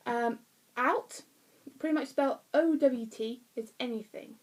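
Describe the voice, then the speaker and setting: Woman, slightly high voice, rambling home vlog chat full of ums and restarts. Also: a little slow, poor audio. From Essex, England. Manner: rambling, many fillers and restarts, laughs at herself. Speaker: vlogger reviewing a play. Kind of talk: casual chatty review. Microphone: phone or webcam.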